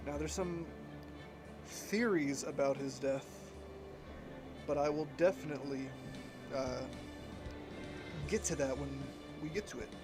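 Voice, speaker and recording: Slow-talking man recording under a blanket. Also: a little high, music in the background. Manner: rambling, halting with many fillers. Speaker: let's play gamer. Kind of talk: casual gameplay commentary.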